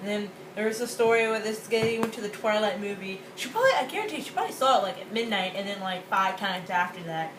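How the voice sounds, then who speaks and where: A young woman co-hosting a casual rant, talking in a quick, excitable, exaggerated way. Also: mid-range voice. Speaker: co-host. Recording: roomy, distant, noisy home recording.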